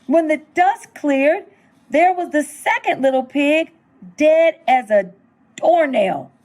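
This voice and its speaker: Middle-aged woman, high, lively storybook read-aloud, unhurried and expressive. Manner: expressive storytelling, narrating as the wolf. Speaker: school superintendent reading aloud.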